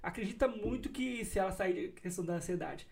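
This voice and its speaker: A woman's voice: medium pitch, fairly quick, creaky, a little mellow. A woman hosting a podcast in a casual conversation, chatty and thinking aloud as she talks.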